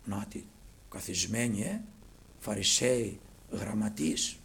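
A man preaching a sermon, swinging from loud cries to hushed near-whispers. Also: fairly low pitch, vocal fry, a little hiss or hum.

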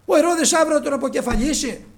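A scoffing believer who refuses to trust good news, as a preacher puts him on, loud and disbelieving as he fires off rapid questions. The voice rides high and carries a gravelly edge. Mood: scoffing disbelief. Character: disbelieving man among praying believers, scoffing.

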